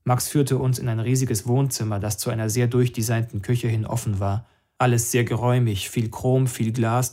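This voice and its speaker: A man reading a first-person story as an audiobook narrator, steady and even. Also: mid-range voice.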